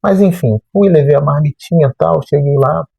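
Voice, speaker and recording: A man, a math teacher telling a personal story in a lively way and acting out remembered dialogue. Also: fairly high pitch, moderate pace, gravelly, breathy edge, no echo, dull audio. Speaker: math teacher and channel host.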